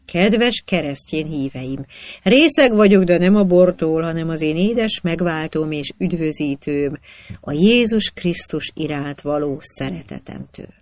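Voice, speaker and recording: A narrator voicing a witty old village priest with quick, sly retorts in a storybook reading. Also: medium pitch, animated, no echo, natural voice. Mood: solemn.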